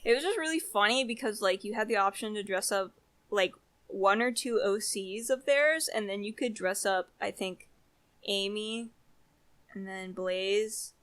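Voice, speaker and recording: A young woman co-hosts a podcast, offering her opinions in a casual, informal, rambling chat. Her voice sits at medium pitch with a fairly bright tone.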